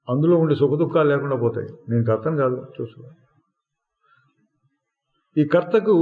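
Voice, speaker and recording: A man giving a slow, deliberate spiritual discourse, asking rhetorical questions and singing lines of verse now and then. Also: on the high side. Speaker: spiritual teacher. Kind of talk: satsang discourse. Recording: echoey hall, phone-like lo-fi sound.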